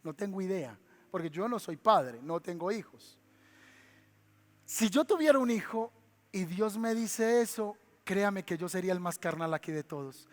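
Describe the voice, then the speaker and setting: A man's voice: sits high, expressive, moderate pace. A man with a Colombian accent, preaching a sermon as pastor, emphatic, repeating key lines and asking the congregation questions. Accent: Colombian Spanish. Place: church hall. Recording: church hall with long reverb.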